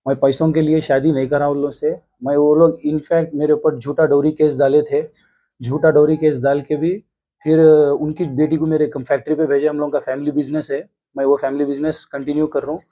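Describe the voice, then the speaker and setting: Earnest Hyderabadi man, flat dark voice. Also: fairly high pitch. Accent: Hyderabadi Hindi. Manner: earnest, repetitive, halting. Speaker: interviewee, complainant. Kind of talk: news interview, recounting an attack.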